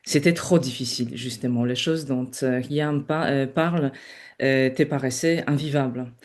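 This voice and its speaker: A woman moderating a webinar, introducing the next guest with many pauses and fillers. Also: rumbling low, steady tone, a little mellow. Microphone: video call.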